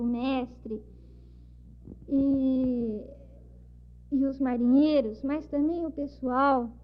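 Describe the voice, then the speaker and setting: Interviewee, woman with São Paulo accent, high voice, lively storyteller, dull lo-fi audio. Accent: São Paulo Portuguese. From São Paulo, Brazil. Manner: lively storytelling, acts out dialogue. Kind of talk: recounting travel memories. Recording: dull lo-fi recording.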